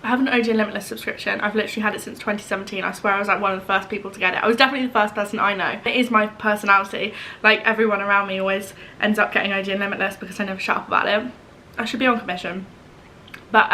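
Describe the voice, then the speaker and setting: Chatty woman vlogging, slightly high. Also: fairly bright tone, a little hiss or hum. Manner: chatty, rambling, lots of "like". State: a little woozy after illness. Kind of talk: casual vlog chat.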